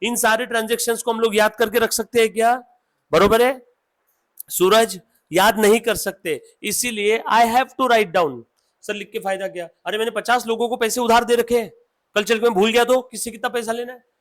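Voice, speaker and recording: A man from India teaching accountancy to a class, with a high-pitched voice. He switches between Hindi and English, keeps checking "yes or no?" with his students, and slows right down when he dictates notes. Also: little pitch movement, fairly bright tone. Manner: mixes Hindi and English, asks students questions often. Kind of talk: classroom lecture.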